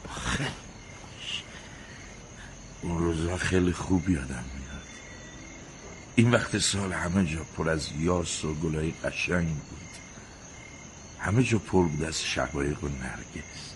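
A bitter aging father rants against the crowded city, his bright voice leaping wildly up and down. He shouts, then drops to a wistful murmur. Faint crickets hum behind him. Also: fairly high pitch, animated.

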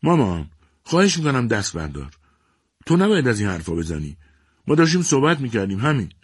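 Male reader playing an anxious pleading daughter, higher voice, dry close sound. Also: sing-song, husky, no room sound.

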